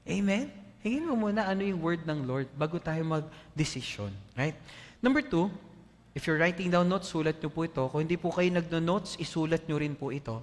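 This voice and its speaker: A man with a Filipino accent preaching a sermon as a pastor, animated and conversational, often asking the congregation questions. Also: on the high side, long reverb tail.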